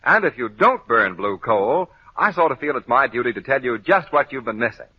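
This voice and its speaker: A man's voice: medium pitch, animated, brisk, husky. An American man announcing in the emphatic style of an old radio announcer, reading introductions and sponsor copy. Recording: dull, band-limited old radio broadcast.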